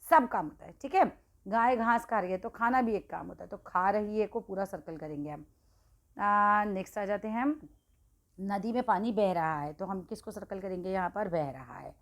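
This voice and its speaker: A woman teacher giving an online class, speaking at a medium pitch. She explains with patience and says each word again slowly, sound by sound, so that young children can follow. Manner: explains patiently, repeats words slowly syllable by syllable.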